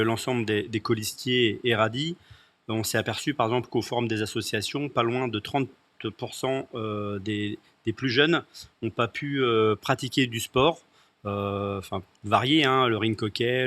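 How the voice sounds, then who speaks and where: A man's voice: mid-range voice, fairly bright tone. A man who is a candidate on a municipal list talks through his ideas. He speaks in a hesitant way, restarting and repeating words as he goes. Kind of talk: political discussion.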